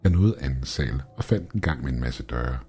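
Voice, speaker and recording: A man reading a scripted horror story aloud, with tense, measured storytelling. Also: a bass voice, expressive, dark tone, breathy edge, soft background music. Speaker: horror podcast narrator.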